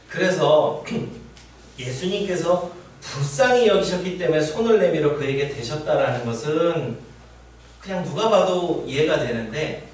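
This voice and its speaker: A pastor with a fairly high voice preaches a sermon conversationally, posing rhetorical questions to his congregation. He is recorded from far off in a very echoey church sanctuary, with a little hiss or hum.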